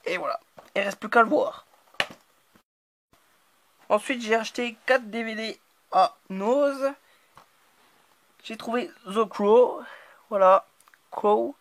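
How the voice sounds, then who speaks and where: A woman hosting her own channel, talking casually through a haul of new purchases, often hesitating and filling pauses. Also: fairly high pitch. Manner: hesitant, constant filler words. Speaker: channel host. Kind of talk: casual DVD haul talk to camera.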